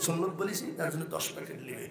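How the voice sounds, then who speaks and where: A man with a Bangladeshi Bengali accent preaching a waz sermon, telling stories in an animated way, soft asides giving way to shouted and sung lines. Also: on the high side, rapid-fire, reverberant, crowd noise.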